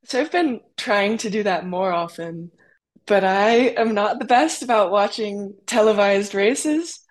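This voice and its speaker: A woman's voice: mid-range voice, a little slow. Chatty young woman racer. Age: young adult. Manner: chatty, with many fillers and quoted asides. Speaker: cyclocross racer, guest. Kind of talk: casual interview answers.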